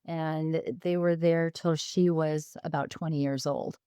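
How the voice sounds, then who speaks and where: A woman in her sixties from California talks as a podcast guest, her voice lowish and smooth. She tells stories in a chatty, laughing way, with frequent restarts, and the recording is dry and close. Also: fairly even intonation, a little slow, warm tone, no room sound. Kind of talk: casual storytelling conversation.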